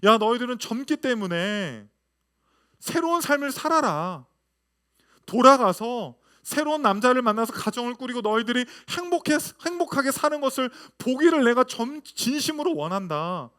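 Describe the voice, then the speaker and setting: A woman's voice: on the high side, sing-song, moderate pace, a bit bright, voice pushed up. Preacher guy doing a sad old widow mom begging her girls to go home. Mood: pleading. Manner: pleading and insistent. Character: grieving older widowed mother-in-law.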